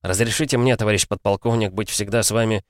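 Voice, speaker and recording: A man's voice: lowish voice, fairly even intonation, fast talker, dry recording, natural voice. Guy playing an earnest young lieutenant, solemn, dry close sound. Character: earnest young male security lieutenant, idealistic.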